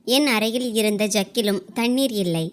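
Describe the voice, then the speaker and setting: A woman voicing a meek, gentle elderly mother-in-law who pleads softly. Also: a little high, moderate pace, natural voice. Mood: pleading. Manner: soft, pleading.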